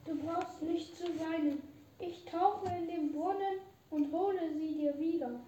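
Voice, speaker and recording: A very high, slow-talking frog pleads and insists, played by a woman. The voice is dark and soft in tone, recorded in an echoey room with faint noise behind it. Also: fairly even intonation. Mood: pleading.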